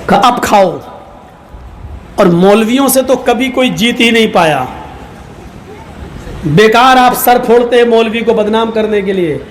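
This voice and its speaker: High-voiced male preacher, storytelling. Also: slight background noise. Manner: animated storytelling, rising to shouts. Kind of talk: sermon with comic stories.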